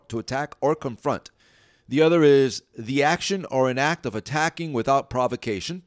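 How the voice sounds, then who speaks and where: A man who trains dogs talks through a lesson in a relaxed, conversational way, building his point with a story. His voice sits at an ordinary pitch, and the recording is close and dry, with almost no room sound. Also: no echo. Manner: conversational, teaches through stories, frequent restarts. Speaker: dog trainer. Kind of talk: informal teaching talk.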